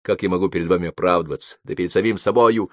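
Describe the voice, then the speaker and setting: A male audiobook reader voices a shamed young merchant's son in his twenties, pleading in a broken, tearful way. His voice is deep, fast and a bit bright, with no echo.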